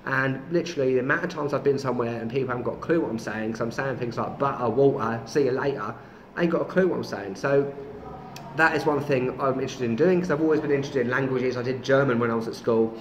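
A man's voice: medium pitch, fast talker, slight background noise. A man with a London accent talks casually to his camera, rambling along with wry little asides. The sound is roomy and a bit dull, with faint ambience behind him. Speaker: travel vlogger. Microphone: camera mic.

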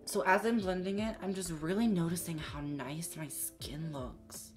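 Unhurried and medium in pitch, a beauty vlogger in their twenties talks casually to camera during a makeup review, full of sassy, slangy drag queen manner. Background music plays in the small indoor room set up for filming.

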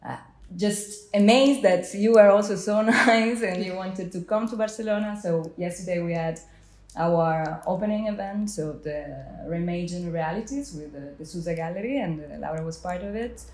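A young woman, the gallery founder, hosting an interview with eager, halting talk in an art gallery. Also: fairly low pitch, a little mellow. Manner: enthusiastic, hesitant with fillers. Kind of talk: interviewer chat. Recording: echoey gallery room.

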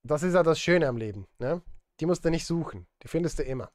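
A streamer and film composer from Switzerland chats casually on a live stream while composing in his indoor setup, adding jokey, self-deprecating remarks. His voice is on the high side with a darkish tone and lively intonation, and he talks fast. The recording is dry and studio quality.

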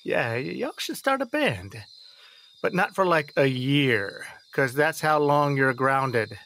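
An actor in a naturalistic audio drama plays a flustered, protective, exasperated middle-aged father of a teenage girl, stammering and repeating himself in an earnest, stern mood. His voice is on the high side, slow, gravelly and bright, with big pitch swings and a forceful, exaggerated tone, over slight background noise.

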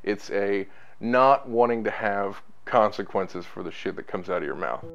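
A man in his thirties, a stand-up comedian, speaking in a relaxed, wry way in a documentary interview. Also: on the low side, moderate pace, gravelly, muffled recording. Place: bright room with large windows.

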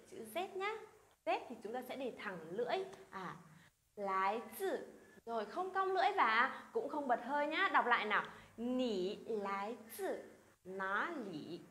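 A woman teaching a language lesson, drilling example phrases slowly and coaxing her students to repeat aloud. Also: a little high, a bit bright, echoey room. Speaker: Chinese teacher.

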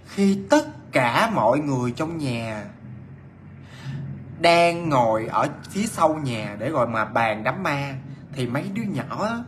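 A man's voice: fairly high pitch, slight background noise. A man telling a ghost story in a casual, chatty way, repeating himself with many fillers and restarts.

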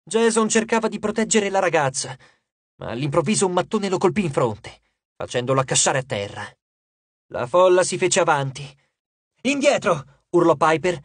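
A man narrating an audiobook in a steady, expressive storytelling manner on a close mic. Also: sits high, normal speed, breathy edge, no room sound.

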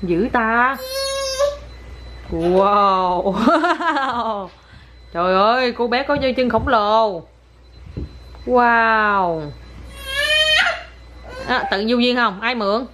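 A mother talks her toddler through snacks and groceries in a chatty, playful, coaxing way. Her voice sits a little high. Steady background noise runs under the home recording. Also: extremely slow, pauses often. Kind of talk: casual family vlog.

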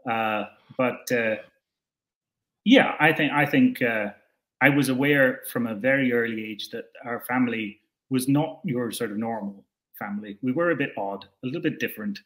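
A man's voice: mid-range voice, normal speed, fairly bright tone. A young Scottish man answering interview questions on a video call, thoughtful and hesitant with many fillers and restarts. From Scotland. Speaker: interview guest. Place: indoor room at home.

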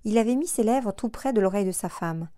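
Warm-voiced woman reading a novel aloud. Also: mid-range voice, expressive, fast, no room sound. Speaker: audiobook narrator. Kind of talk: scripted narration.

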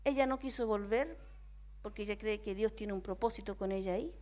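A young woman with an Argentine accent preaching a sermon as a personal testimony, moving from hushed, quoted prayers to emphatic declarations. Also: mid-range voice, brisk. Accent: Argentine Spanish.

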